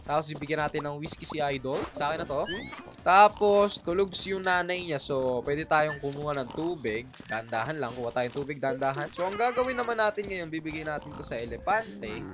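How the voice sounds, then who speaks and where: High-voiced excitable gamer guy. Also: brisk. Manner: excitable, talks himself through each move with sudden yelps. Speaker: gaming channel host. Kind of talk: let's play commentary.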